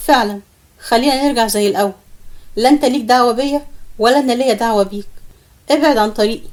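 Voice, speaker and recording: A woman's voice: fairly high pitch, very fast, lightly acted. A woman with an Egyptian accent voicing a guarded young female student who speaks curtly. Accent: Egyptian Arabic. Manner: curt, dismissive.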